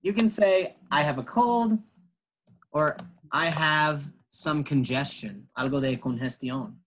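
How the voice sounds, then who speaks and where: Slow, patient bilingual English teacher man. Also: on the high side, fairly bright tone, a little hiss or hum, poor audio. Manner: slow, patient explaining, switching between English and Spanish. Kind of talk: bilingual classroom lesson.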